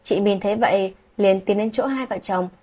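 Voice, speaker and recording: Breathy woman narrating a late-night story. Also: medium pitch, moderate pace, darkish tone.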